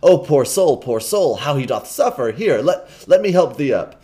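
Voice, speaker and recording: A man voicing a kindly, gullible gentleman who speaks in old-fashioned, gushing phrases. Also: a little high, sing-song, moderate pace, pitched above the performer's own voice.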